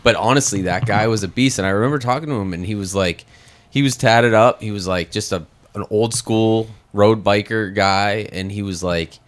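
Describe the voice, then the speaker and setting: A man's voice: lowish voice, moderate pace. A man in his late thirties, co-hosting a podcast, telling stories in an easygoing, casual way with some swearing. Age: 30s. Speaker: podcast co-host. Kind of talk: casual chat.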